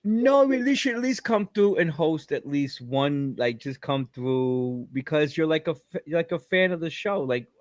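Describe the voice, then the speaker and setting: A man co-hosting a casual panel chat, gushing and gossiping in an excitable way. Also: on the high side, moderate pace, hardly any pauses, dry recording, clean studio sound. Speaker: panel co-host.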